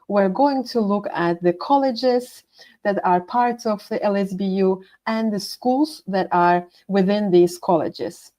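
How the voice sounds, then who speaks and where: A woman's voice: medium pitch, dark tone. A woman working as a university international manager, giving a scripted presentation and methodically listing course names.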